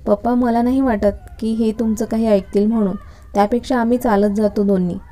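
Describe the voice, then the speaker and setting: Woman reading as a cheeky teasing young student girl, dark mellow tone, even delivery, storybook reading. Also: a little high, a little fast, close to an everyday voice.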